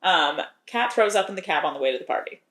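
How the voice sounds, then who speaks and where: A woman's voice: on the low side, expressive, quick pace, fairly bright tone, echoey room. A woman co-hosting a podcast, recapping a romance novel in a chatty, wry way and laughing often. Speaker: podcast co-host recapping a book. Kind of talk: casual chat.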